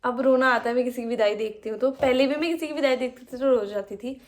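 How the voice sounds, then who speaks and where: A woman's voice: high voice, fast talker. A young woman from Uttarakhand, India, rambling casually and laughing a little as she narrates her wedding photos in a vlog voice-over. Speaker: vlogger. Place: voice-over, not recorded at the pictured wedding. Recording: voice with clear background music.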